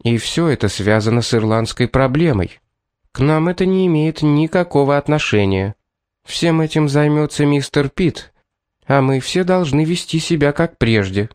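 A man voicing a composed, firm lady of the house who speaks in a measured way. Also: a little high, lively intonation, a little mellow, clean tone, dry recording, clean studio sound, pitched above the performer's own voice, close to an everyday voice.

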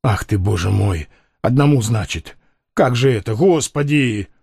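A man voicing a frantic, doomed male robber in an audiobook, wailing and pleading in a rough voice. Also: mid-range voice, expressive, unhurried, darkish tone, dry recording, studio quality, full character voice. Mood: wild.

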